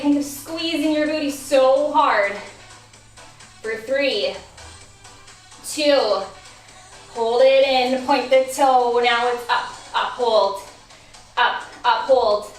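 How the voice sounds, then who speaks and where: A woman with a high voice and an unhurried pace cues a barre class, counting reps and urging listeners on. Her voice sounds a little worn. She is heard from off the mic in a roomy space, with faint music behind. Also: far from the mic. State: losing her voice. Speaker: barre instructor. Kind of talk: workout class cueing.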